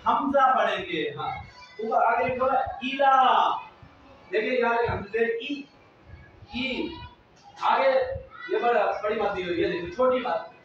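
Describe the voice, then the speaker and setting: A man teaching children to read the Quran, asking questions and repeating them, drawing out each sound slowly. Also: extremely high pitch. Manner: slow, drawn-out pronunciation drills. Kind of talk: classroom lesson. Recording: very echoey, distant, muffled, slight noise.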